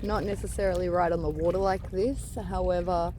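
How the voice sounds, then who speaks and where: A woman speaks casually and earnestly to camera in a rambling, digressive monologue, outdoors by the water with rushing water around her. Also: lowish voice, fairly even intonation, mellow. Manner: earnest, digressive, trailing off mid-thought. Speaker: spiritual vlogger giving psychic energy guidance. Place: outdoors on a beach at the water's edge. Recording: outdoor recording with clear water noise.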